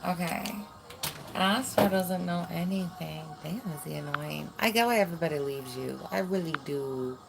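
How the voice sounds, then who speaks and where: A woman's voice: fairly low pitch, normal speed, gravelly, over music. A woman doing a casual live tarot reading. She chats loosely and swears freely, with many "um"s and "like"s. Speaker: tarot reader.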